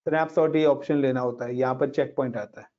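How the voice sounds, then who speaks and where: A Linux instructor with a mid-range, steady, dark voice talks at a quick pace in a casual screen-share class on commands. He's chatty, walks students through each step, and mixes in English words. The recording is dull and lo-fi.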